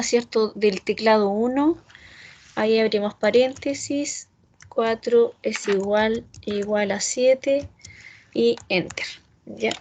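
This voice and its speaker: A woman teaching a class, talking slowly and patiently and checking in with her students often. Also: a little high, slight background noise, low-quality recording. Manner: slow, patient, keeps checking with "¿cierto?". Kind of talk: online class on R programming.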